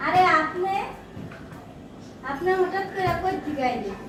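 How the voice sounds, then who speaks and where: A woman's voice: very high voice, very animated, a little slow, full character voice. A woman playing a greedy young wife nagging about a necklace in rustic speech. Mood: demanding. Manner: whiny, nagging dialect speech. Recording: echoey room, far from mic, clear background noise.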